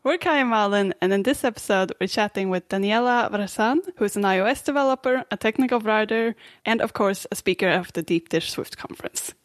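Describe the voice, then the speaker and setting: Woman co-host, upbeat and friendly, mid-range pitch, dry close sound. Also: fairly quick, few pauses, dry recording. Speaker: podcast co-host. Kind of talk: casual chat.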